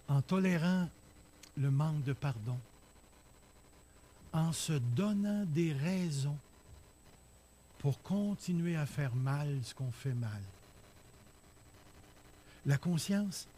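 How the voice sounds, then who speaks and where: A man's voice: on the high side, mellow, slight background noise. A man with a Québécois accent preaching a sermon, telling a vivid story and putting rhetorical questions to the congregation. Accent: Québécois French. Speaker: pastor.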